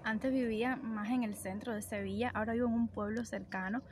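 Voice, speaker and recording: Her voice on the high side and her intonation fairly even, a young Cuban woman talks a little fast in casual vlog style, speaking Spanish with a Cuban accent. She films herself on a phone held at arm's length outdoors by trees on a street. Street noise carries in the background.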